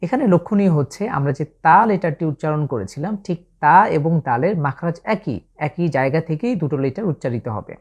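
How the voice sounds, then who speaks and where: This is a patient, slow lesson on pronouncing Arabic letters for the Quran, given by a woman with a Bangladeshi Bengali accent who draws out each letter. She sits low in pitch, sounds animated and darkish, and the recording is muffled.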